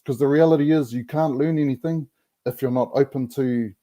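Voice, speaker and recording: As a podcast guest, a man with a broad Kiwi, Māori New Zealand English accent speaks fairly quickly in a medium-pitched, dark-toned voice. He's casual and reflective, very colloquial, and mixes Māori words into his English.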